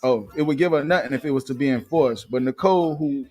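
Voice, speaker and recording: This Atlanta show host talks at a quick pace in a mid-range, slightly mellow voice over soft background music. His live chat and news reading are casual and loose, packed with fillers, and he often starts over.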